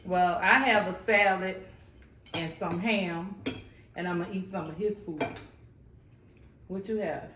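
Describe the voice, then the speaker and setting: A woman hosting a casual family mukbang at home, relaxed and chatty as she prompts her sons and husband. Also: on the low side, a little slow, long pauses, far from the mic. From New Orleans. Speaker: host, mother. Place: home dining table. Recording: echoey room, from off mic, faint noise.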